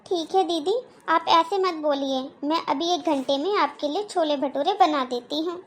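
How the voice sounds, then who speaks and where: A woman's voice: high voice, moderate pace, lightly acted. Woman voicing a patient young daughter-in-law. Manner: polite, patient. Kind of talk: cartoon voice acting.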